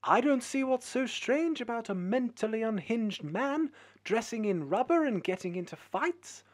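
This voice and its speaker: A woman's voice: fairly high pitch, animated, moderate pace. A woman presenting a comedy show with arch, gossipy scripted links.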